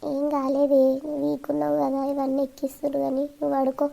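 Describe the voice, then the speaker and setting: A woman's voice: high-pitched, completely flat delivery, fast talker, gravelly. Woman voicing comforting elder sister, Telangana accent. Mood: soothing. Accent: Telangana Telugu. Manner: soothing, scolding gently.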